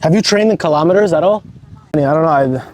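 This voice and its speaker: A man's voice: fairly high pitch, fast, a little mellow, slight background noise. A man in his twenties talking casually and earnestly to a vlog, in a motivational way with some casual swearing. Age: 20s. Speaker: vlogger, amateur runner.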